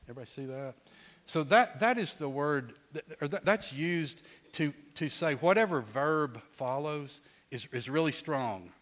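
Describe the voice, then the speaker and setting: A man's voice: a little high, expressive, moderate pace, a bit bright. Man teaching a Bible class, conversational. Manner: conversational, repeats words as he restarts, asks the class questions.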